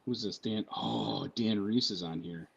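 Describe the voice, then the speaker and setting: A man with a low, husky voice tells loose, rambling podcast stories full of swearing, often asking "right?" as he goes. The audio is dull and muffled, like a lo-fi stream. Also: big pitch swings, measured pace. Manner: profane, rambling, keeps asking "right?" and "you know what I mean?". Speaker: military veteran podcast guest. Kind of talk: casual podcast storytelling.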